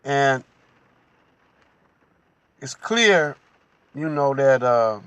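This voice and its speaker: Slow-preaching man, dry close sound. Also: medium pitch, expressive, a bit bright, smooth, dry recording. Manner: slow, unhurried preaching with pauses and "you know". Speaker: host. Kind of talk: religious teaching monologue.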